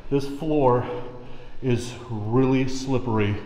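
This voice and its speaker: A man's voice: medium pitch, takes it slowly, mellow, slight background noise. A man in his forties hosting a wildlife adventure vlog, speaking emphatically and informally to viewers. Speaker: wildlife adventure show host. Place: inside a rocky cave. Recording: echoey cave, music behind.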